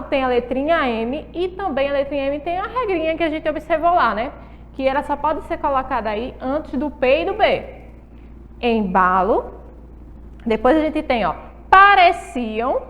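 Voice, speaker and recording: A woman's voice: high-pitched, big-room sound. A Brazilian Portuguese-accented woman teaching a recorded lesson to young pupils, drawing out and repeating words in a sing-song way. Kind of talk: recorded school lesson for children.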